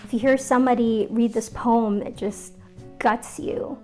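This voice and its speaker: A woman from the Philippines speaks in a documentary interview, sharing personal memories in a relaxed, reflective way. Her voice sits slightly high, and soft music plays faintly underneath. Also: a little slow. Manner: candid and conversational, reflective, with fillers and laughs. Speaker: interviewee, arts organizer.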